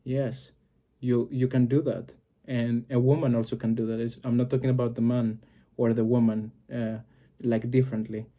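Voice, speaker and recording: A Greek man with a Greek accent hosts a reflective solo video, speaking to camera at a normal speed. His voice is medium-pitched, level and dark, and he often searches for words, with frequent fillers and restarts.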